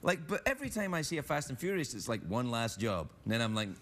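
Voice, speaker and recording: Man, talk show host, sarcastic banter, lively, fairly high voice. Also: very fast. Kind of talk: joking interview banter. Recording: loud noise behind the voice.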